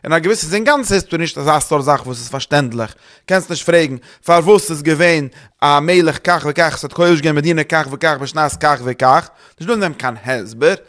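A man's voice: on the high side, brisk, fairly bright tone. A man giving a religious study lecture, thinking aloud, searching for words, repeating himself and slipping in English terms.

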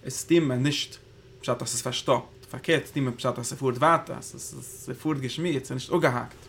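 Gravelly-voiced man teaching Torah in Yiddish. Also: mid-range voice, fairly even intonation, normal speed, a bit bright, a little hiss or hum. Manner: rambling, thinking aloud, Hebrew terms woven in. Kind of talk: Yiddish Torah class on the Zohar.

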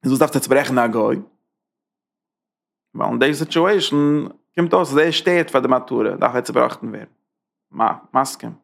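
A man's voice: medium pitch, moderate pace, gravelly, long pauses. A man teaching a Torah class as a rabbi, driving his points with rhetorical questions and emphatic repetition. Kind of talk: Torah lecture.

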